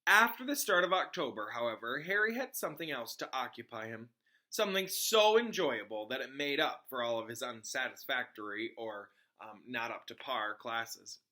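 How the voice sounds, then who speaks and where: Reading a children's novel to his students, a teacher speaks at a moderate pace with lively intonation and a bright, crisp-edged, mid-pitched tone. He shifts casually between narrating and pausing to explain things to his listeners.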